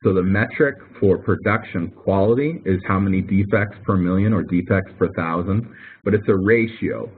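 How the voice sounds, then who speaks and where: Here a low-pitched male professor speaks at a moderate pace, breaking material down step by step and hammering points home through repetition during relaxed online tutoring. There's slight background noise, and the call microphone gives thin, phone-like conference sound.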